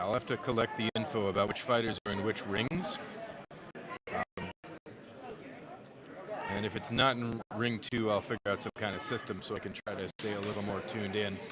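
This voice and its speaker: A man's voice: lowish voice, moderate pace, long pauses. Casual male sports commentator amid crowd noise. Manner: informal, thinking aloud while tracking scores. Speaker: livestream commentator. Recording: busy crowd noise, urban sports venue. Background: crowd at a tournament.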